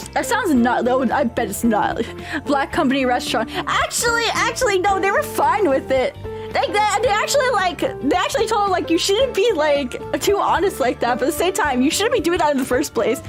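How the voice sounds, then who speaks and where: A woman livestreamer chatting casually with viewers in a cute, girlish anime-streamer manner, playful and often repeating her phrases. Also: sits high. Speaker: VTuber streamer answering viewer questions.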